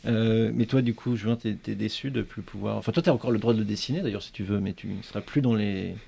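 A man with a low, gravelly voice hosts a relaxed podcast chat. He steers the conversation, sets up each new topic and turns to his guests with questions. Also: fast. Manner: moderating, introducing topics and asking questions. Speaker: podcast host. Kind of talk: casual podcast discussion.

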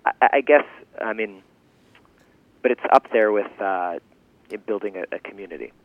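A man in his twenties giving a casual interview, halting and thinking aloud as he goes, often restarting phrases. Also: fairly low pitch, animated, no room sound. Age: 20s. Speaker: interview guest, farm founder and language teacher. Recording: thin phone-like radio interview sound.

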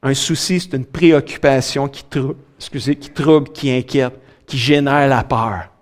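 A middle-aged pastor with a Québécois French accent giving a sermon, swinging between high, excited stretches and low, quiet ones, with many "là" fillers. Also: male voice, normal speed. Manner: fills with "là", talks directly to the congregation.

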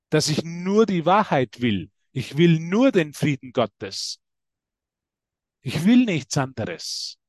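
A man giving a lively spiritual talk to a group, preaching and calling listeners by name. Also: a little high, no echo, studio quality. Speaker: spiritual teacher.

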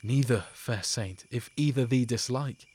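A man's voice: mid-range voice, measured pace, darkish tone, slightly rough. A man performing an ardent, devoted young nobleman in a Shakespearean scene, with earnest, declamatory delivery. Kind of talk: Shakespearean stage acting.

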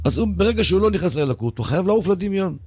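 A man giving an animated religious talk on radio, telling stories with emphatic repetition. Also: high voice, husky, dry recording, soft background music. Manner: animated, emphatic, repeats for stress. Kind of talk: preaching talk with storytelling.

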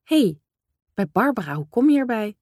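A woman doing a brisk chatty mother. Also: mid-range voice, warm tone, no echo, clean studio sound, lightly acted. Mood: scolding.

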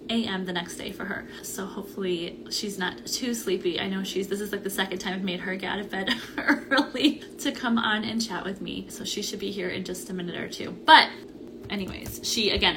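A woman's voice: mid-range voice, background noise. A woman hosting a podcast livestream, upbeat and chatty as she waits for her guest. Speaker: podcast host and therapist.

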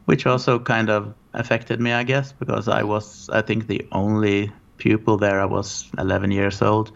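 Man from Norway, 40s, gravelly, flat low delivery, rambling guest on a dull call line. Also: moderate pace. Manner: relaxed, rambling storytelling. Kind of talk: casual interview.

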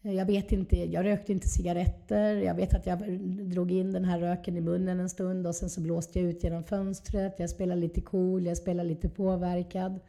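A woman speaks in a very dark, mellow voice with plenty of creak. She is an interview guest telling a personal story, candid and reflective, in a lowish register. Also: level tone, hardly any pauses. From southern Sweden.

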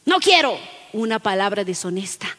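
A woman pastor giving an animated sermon to her congregation, calling listeners "brother" and acting out children's lines. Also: medium pitch, normal speed, in a large hall. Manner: animated, acts out children's voices in quotes, addresses listeners as brother.

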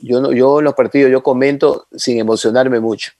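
A man, a football commentator, tells anecdotes in an animated, familiar way in an interview. His voice is gravelly with a mid pitch. It sounds close and dry, with no room sound. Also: brisk, no room sound. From Ecuador. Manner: animated anecdotal, addresses listener as brother. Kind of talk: interview storytelling.

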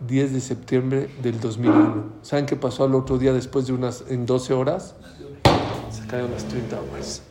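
A man with a Mexican accent telling a story in a talk, acting out the dialogue with lively changes of voice. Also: mid-range voice, moderate pace, very noisy. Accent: Mexican Spanish. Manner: animated, acts out quoted dialogue. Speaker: speaker giving a talk. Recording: echoey room.

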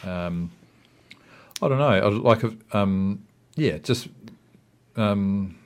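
A man with a distinctly deep voice and a New Zealand accent talks as a guest in a casual interview. He feels his way through each thought, rambling and reflective, often restarting and padding with small filler phrases. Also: drawn-out words. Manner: hesitant, rambling, reflective, with frequent "you know" and "I mean".

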